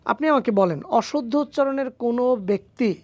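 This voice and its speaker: A man's voice: extremely high pitch, animated, moderate pace, a little mellow, no room sound. A man, a phonetics teacher answering interview questions emphatically with rhetorical questions. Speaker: English phonetics teacher, guest.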